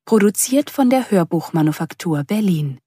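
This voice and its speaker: A woman's voice: fairly low pitch, lively intonation, moderate pace, warm tone, breathy edge, dry recording, clean studio sound. A woman reading a scripted audiobook introduction as an announcer.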